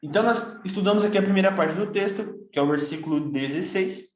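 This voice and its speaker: Brazilian male teacher, higher voice, slow patient drills of English words; roomy, muffled lo-fi sound. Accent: Brazilian Portuguese. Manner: slow, patient explaining, repeating words for pronunciation. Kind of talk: bible-based English lesson. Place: room near a construction site. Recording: echoey room, dull lo-fi sound.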